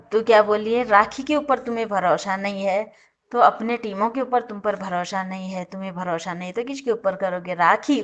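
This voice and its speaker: A woman giving opinionated casual commentary as a video commentator, sarcastic and indignant, often breaking off and correcting herself. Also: medium pitch. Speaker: YouTube show commentator.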